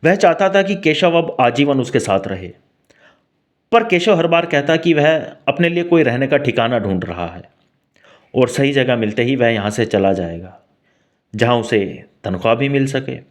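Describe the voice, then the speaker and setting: A man's voice: medium pitch, expressive, moderate pace. A man narrating a scripted folk story.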